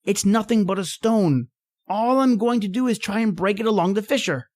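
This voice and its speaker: In a natural, darkish voice of medium pitch and ordinary speed, a woman portrays a rational professor losing patience in a radio horror play. Her manner is theatrical and full of exclamations, carrying confidence and condescension.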